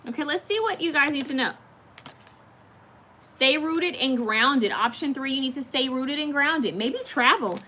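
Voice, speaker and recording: Woman, thirties, bright voice, slightly high pitch, casual livestream chat, answers viewer comments, frequent restarts. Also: lively intonation, unhurried, a little hiss or hum. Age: 30s. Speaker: livestream host reading oracle cards.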